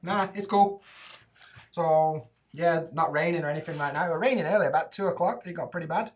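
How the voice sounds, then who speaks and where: Reading chat during a live stream Q&A, a young YouTuber from the Rotherham area of England, now living in Japan, banters casually with his viewers, swearing and saying "like" and "mate" a lot. His voice is a little high and fairly quick. He sits somewhat back from the webcam mic in a small indoor room, so he sounds distant.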